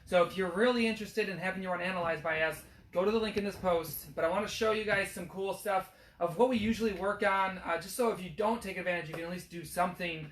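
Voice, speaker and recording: A man's voice: high voice, fast talker, few pauses, a bit bright. A man in his thirties, a physical therapist who is losing his voice, explaining running form in a casual talk with many fillers while standing on a treadmill. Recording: echoey room with faint background noise.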